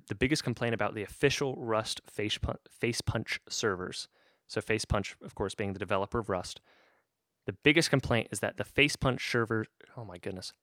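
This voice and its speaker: A man's voice: on the low side, fairly bright tone, no echo, clean studio sound. A man co-hosting a podcast, explaining at an easy pace with lots of ums and restarts. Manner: easygoing, explains at length with fillers and restarts. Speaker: podcast co-host. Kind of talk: casual gaming chat.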